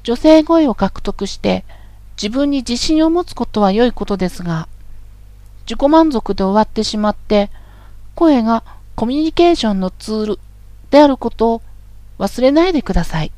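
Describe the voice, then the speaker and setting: A woman instructor talks through a voice lesson in a calm, polite, measured way. Her voice sits fairly high and is recorded dry and close, with no room sound. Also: no room sound. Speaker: voice training instructor. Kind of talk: scripted voice lesson narration.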